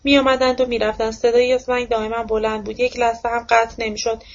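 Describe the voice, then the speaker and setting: Woman reading a novel, flat-toned. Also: fairly high pitch, highs cut off. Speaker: audiobook reader. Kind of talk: novel narration.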